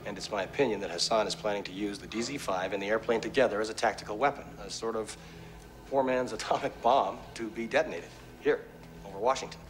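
Actor as earnest American analyst, low-voiced. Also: male voice, close to an everyday voice. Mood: grave, explanatory. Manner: grave, deliberate, deferential but firm. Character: earnest, articulate male intelligence analyst briefing superiors. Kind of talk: film drama acting. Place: conference room.

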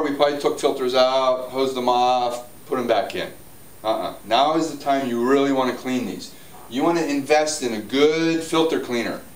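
A man's voice: medium pitch, a little hiss or hum. Chatty man in a roomy showroom. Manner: chatty, upbeat, walks and gestures while explaining. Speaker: hot tub store owner. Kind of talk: casual how-to demo. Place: spa showroom, indoors, large. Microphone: camera on tripod at a distance. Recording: roomy showroom audio, camera mic from a distance.

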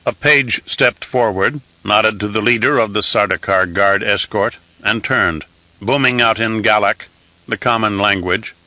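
A man narrating an audiobook in a steady, measured storytelling manner. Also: fairly low pitch, dry recording, muffled recording. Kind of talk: scripted narration.

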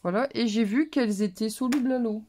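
A woman's voice: fairly high pitch, fairly quick, dark tone, slight background noise. A woman vlogger casually showing off a craft haul, talking in a hesitant, musing way with many fillers. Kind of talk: casual show-and-tell haul.

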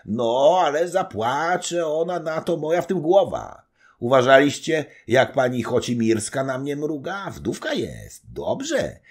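A jovial, boastful old nobleman who blusters and teases, as a man narrating an audiobook puts him on. His voice is pushed high and loud, with lots of bluster behind it. He mocks and brags freely. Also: big pitch swings, a little slow, husky, exaggerated voice.

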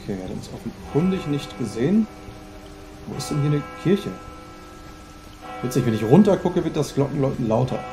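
A man's voice: mid-range voice, big pitch swings, fairly quick, long pauses, music in the background. A man narrating a horror game as let's play host, chatty and dropping English exclamations into his German.

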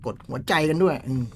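A young man streaming a game live, chatting with viewers in a crude, swearing, excitable way.

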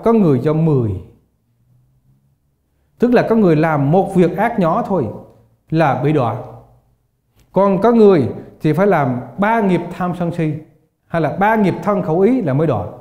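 An older man giving a Buddhist lecture, often asking his students rhetorical questions and laughing as he tells anecdotes. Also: a little high. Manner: asks the class rhetorical questions and laughs while telling stories. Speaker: Buddhist teacher. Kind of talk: dharma lecture. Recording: echoey, dull lo-fi hall recording.

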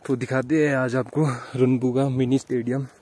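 A man's voice: mid-range voice, little pitch movement, moderate pace, warm tone, husky. A young man hosting a casual travel vlog, talking to viewers while walking outdoors on a forested mountain trail, tired from the climb. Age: young adult. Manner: chatty, showing viewers around on foot. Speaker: vlogger. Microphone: handheld camera at arm's length.

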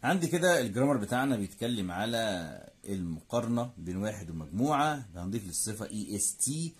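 A man's voice: on the low side, very animated, quick pace. A man with an Egyptian Arabic accent teaching an English grammar lesson, saying each word in English and then in Arabic and asking and answering his own questions. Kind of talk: classroom lesson explaining grammar.

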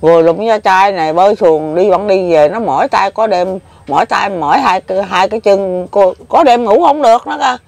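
A woman's voice: mid-range voice, a little fast, vocal fry, hardly any pauses, darkish tone, no room sound. A woman in her seventies with a Mekong Delta accent, telling her story in a plain-spoken, repetitive, emotional way. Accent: Southern Vietnamese, Mekong Delta. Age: 70s. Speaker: interviewee. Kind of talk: casual rambling recollection.

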